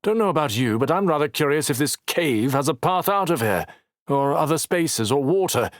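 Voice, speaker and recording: A man's voice: fairly high pitch, lively intonation, moderate pace, no echo, clean studio sound, pitched above the performer's own voice, close to an everyday voice. A man narrating an audiobook voices an injured, determined man who talks earnestly, teases, and snaps back. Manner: earnest, teasing, snappish.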